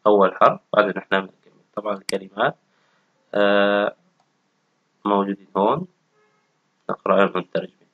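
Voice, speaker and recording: A man's voice: on the low side, fast talker, long pauses, dry recording. A man, teaching a textbook language lesson and patiently repeating each word. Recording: dull, dry lo-fi audio.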